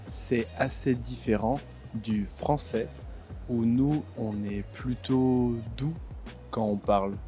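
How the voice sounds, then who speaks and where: Slow, clear-speaking young Frenchman. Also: medium pitch, mellow, faint music behind. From France. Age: 20s. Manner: slow, clear, repeats and rephrases simply. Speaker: vlog host and French teacher. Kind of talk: slow comprehensible-input vlog narration. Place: outdoors in a city.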